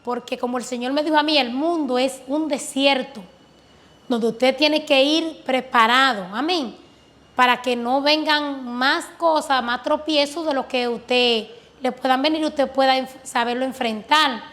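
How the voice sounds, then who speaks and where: A woman's voice: high voice, unhurried, fairly bright tone. A woman earnestly telling her religious testimony as a guest, recounting prayers and answers with fervent conviction. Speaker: guest giving a faith testimony.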